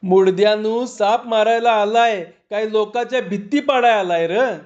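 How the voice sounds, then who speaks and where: A man's voice: high voice, moderate pace, a little mellow, muffled recording, voice pushed up, natural voice. A man voicing a frantic village wife who scolds and pleads in rural dialect. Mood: scolding.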